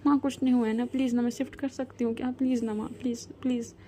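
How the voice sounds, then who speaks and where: A woman's voice: fairly high pitch, little pitch movement, quick pace, dark tone, a little hiss or hum, natural voice. A woman voicing a heartbroken young woman in her twenties who begs and keeps repeating please, told in a storytelling voice. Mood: tearful pleading. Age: 20s.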